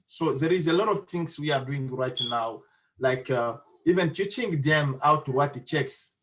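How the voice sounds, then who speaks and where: Halting man. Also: mid-range voice, a bit bright, rough recording. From Democratic Republic of Congo. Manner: halting, earnest, many pauses and restarts. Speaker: panelist, refugee advocate. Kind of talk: panel discussion answer.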